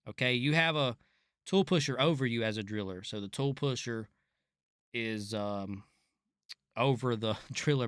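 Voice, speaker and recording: Recorded dry with studio quality, a middle-aged man's mid-range voice comes across pushed, bright, and smooth. He's an ex-oil rig worker hosting reaction videos, offering loose, unscripted remarks peppered with folksy slang and swearing.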